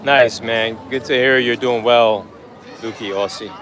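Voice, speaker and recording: A man live-streaming as he walks a busy city street, rambling in a relaxed way and greeting chat viewers by name. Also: mid-range voice, measured pace, a little hiss or hum. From United States. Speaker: livestream vlogger. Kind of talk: casual live-stream chat while walking. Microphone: handheld phone on a gimbal.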